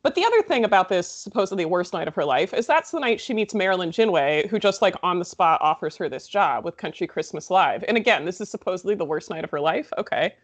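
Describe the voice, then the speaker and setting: A woman's voice: lowish voice, lively intonation, quick pace, few pauses. A woman recapping a movie in casual chat, sarcastic and full of "like" fillers. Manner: chatty, sarcastic, many "like" fillers. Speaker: podcast host recapping a movie.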